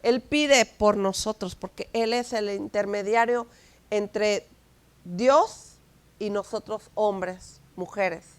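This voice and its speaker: A woman pastor with a Mexican Spanish accent preaching a sermon, full of rhetorical asides and tag questions, swinging between soft asides and emphatic declarations. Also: medium pitch, takes it slowly, clean tone.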